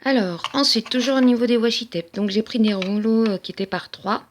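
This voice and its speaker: A woman's voice: on the high side, a little fast, slight background noise. A woman chatting casually as she shows off her craft-supply haul, hesitating often with fillers. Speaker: crafting vlogger. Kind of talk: casual haul show-and-tell. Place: at home.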